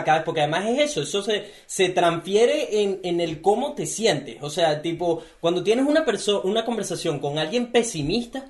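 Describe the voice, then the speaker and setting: A Venezuelan man hosting a podcast talks in a reflective, emphatic way. His voice sits high. The room around him adds a clear echo. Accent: Venezuelan Spanish. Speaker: podcast host. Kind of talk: casual interview chat. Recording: echoey room.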